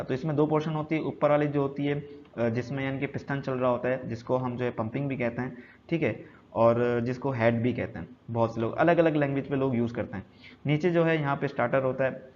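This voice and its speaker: A man teaching a technical lesson from slides, explaining slowly and repeating key points, switching between Hindi and English terms. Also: medium pitch, a little mellow. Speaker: HVAC instructor. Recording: dull lo-fi sound with faint noise.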